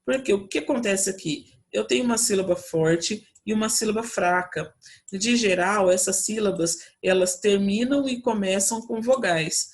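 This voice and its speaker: A Brazilian woman teacher talks her students through a lesson from her home. She explains patiently and step by step, often pausing to check that they follow. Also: medium pitch. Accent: Brazilian Portuguese. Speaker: Portuguese teacher. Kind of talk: remote class from home.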